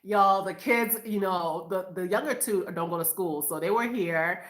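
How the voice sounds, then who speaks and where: Her voice mid-range and fairly bright, a Boston woman who has five children streams live from her room at home at a moderate pace. She's casual and upbeat, laughing frequently and calling viewers "you guys," in an echoey room.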